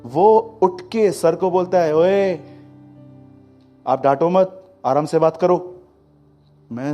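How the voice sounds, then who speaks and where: A man preaching a sermon, telling stories and swinging between loud and hushed delivery. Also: mid-range voice. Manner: lively storytelling, acting out quotes, swings from loud to hushed. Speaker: pastor.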